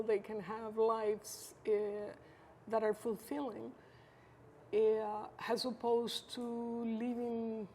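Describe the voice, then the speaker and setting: Measured Chilean-born woman, slightly high voice. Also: a little mellow. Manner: thoughtful, measured, with frequent fillers and restarts. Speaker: interview guest, social entrepreneur. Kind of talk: conversational interview answers. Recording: faint background noise.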